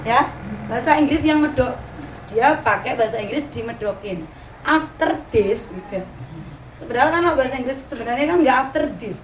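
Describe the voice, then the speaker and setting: A woman's voice: high-pitched, lively intonation, fairly quick. A middle-aged woman with a Javanese accent gives a chatty, anecdote-filled religious talk to mothers, slipping in Javanese words. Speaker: religious teacher. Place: open pavilion hall. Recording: roomy echo, distant mic, ambient noise.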